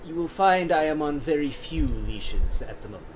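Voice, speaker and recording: Sly old goblin banker, a man doing it, lively and slightly high. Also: normal speed, slight background noise. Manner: laughs often, lively. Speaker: player. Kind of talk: tabletop role-play.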